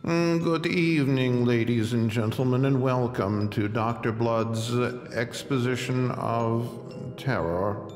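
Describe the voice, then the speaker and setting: A man's voice: medium pitch, takes it slowly, lightly acted. A menacing master of ceremonies for a haunted house played by a man. He speaks formally in a mid-range voice, drenched in reverb, with faint music. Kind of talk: scripted horror attraction introduction. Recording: echoey long reverb.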